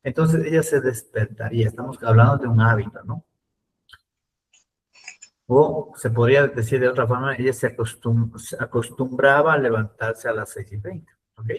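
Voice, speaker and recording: A man teaching an online English class, speaking slowly and repeating words for his students to copy. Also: mid-range voice, far from the mic, low-quality recording.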